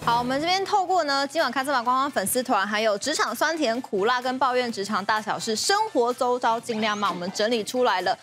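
A woman's voice: a little high, fast, few pauses, a bit bright, soft background music. A woman reporter presenting a scripted survey segment on a talk show in an upbeat, announcing tone.

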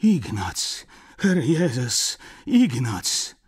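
A man's voice: fairly high pitch, expressive, slow pace, breathy edge, pitched above the performer's own voice, full character voice. A man reading an audiobook, voicing a kindly old German grandmother who fusses over a guest. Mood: doting. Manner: warm doting exclamations.

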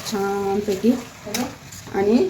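Hoarse, chatty woman. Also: mid-range voice, monotone, drawn-out words, noisy background. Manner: chatty, playful, talks to her viewers. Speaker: home cooking vlogger. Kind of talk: casual chatty cooking vlog.

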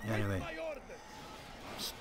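Speaking slowly over crowd noise, a man plays a strategy game for a let's play, talking casually and muttering under his breath. He's recorded on a desk microphone placed close to him.

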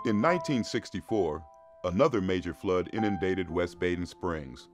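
A man giving measured, scripted documentary narration. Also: low voice, expressive. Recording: music bed under voice.

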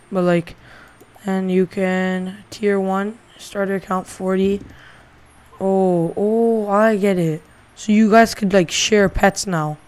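Rambling casual male gaming host. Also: high voice. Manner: rambling, thinking aloud with many "like" fillers. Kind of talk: casual game tutorial commentary.

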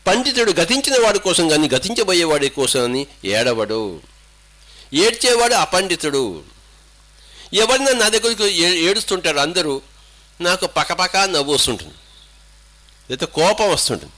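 A man's voice: high-pitched, big pitch swings, normal speed, long pauses, sharp tone. An older man giving an emphatic spiritual discourse, firing off rhetorical questions and switching into English and Hindi. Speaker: spiritual teacher.

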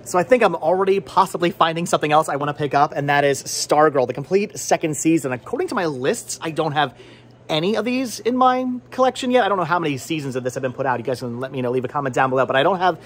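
A higher-voiced man, a vlogger and movie collector, rambles playfully in a chatty shopping vlog shot in an indoor video and game shop, interrupting himself as he goes. He talks fast with lively intonation into a handheld camera at arm's length, with a little hiss or hum present.

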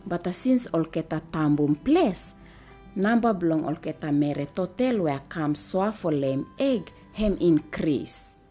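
Low-voiced Solomon Islands Pidgin woman narrator. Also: animated, unhurried, warm tone, soft background music. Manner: speaks in Solomon Islands Pijin. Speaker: documentary narrator. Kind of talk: scripted narration.

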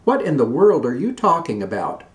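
A man voicing a chatty older Southern aunt who talks nonstop, in a high, breathless run-on way. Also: wildly swooping pitch, normal speed. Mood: fussy chatter. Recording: roomy echoey room.

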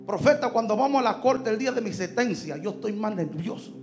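A man preaching a sermon with a gravelly voice, telling a personal story that swings from hushed storytelling to shouting. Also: sits high, lively intonation, fairly quick, soft background music. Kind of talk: sermon testimony.

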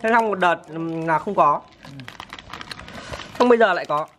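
A woman's voice: on the low side, normal speed, a bit bright. A woman chatting casually as she hosts an eating video, talking with food in her mouth that burns from the spice. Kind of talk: casual chat. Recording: noisy handheld recording with clicks.

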